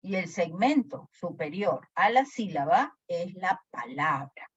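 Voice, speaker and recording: A woman teacher lectures slowly, her pitch rising and falling a lot. Her voice is a little husky. The recording is dry and dull, with a lo-fi sound. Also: no echo. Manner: animated, asks the class questions often. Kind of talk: classroom lecture with questions to students.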